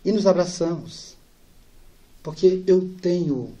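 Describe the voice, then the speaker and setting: A man giving a spiritist lecture, telling family anecdotes lively and softening for the sad parts. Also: high-pitched, takes it slowly. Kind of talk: storytelling lecture.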